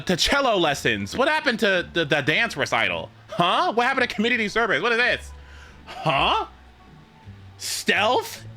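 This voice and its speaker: With an extremely high, sharp voice, a game streamer reacts live to a story game in a theatrical, joking way. He keeps repeating himself, swears heavily, and plays up mock outrage, while faint game music runs in the background.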